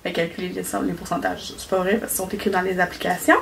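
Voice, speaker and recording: A Québécois woman from Quebec chats casually as a cross-stitch vlogger, rambling and laughing often. Her voice is fairly low, gravelly and fairly bright, with a flat delivery at a quick pace. She sits a bit far from the mic, with faint background noise.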